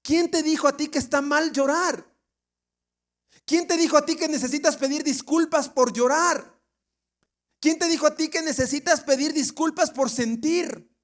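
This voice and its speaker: In a sermon, an Ecuadorian-accented pastor speaks with a very high-pitched, slightly bright voice, fairly even intonation and normal speed. He poses questions to the congregation, jokes and laughs, and sometimes imitates those he quotes.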